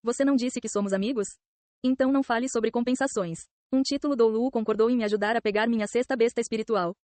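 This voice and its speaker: A woman with a Brazilian Portuguese accent reading a calm, confident young man's lines in a cool, even manner. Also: fairly high pitch, quick pace, dry recording, close to an everyday voice. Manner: calm, cool, lightly provocative. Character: young man, calm, confident, teasing swordsman.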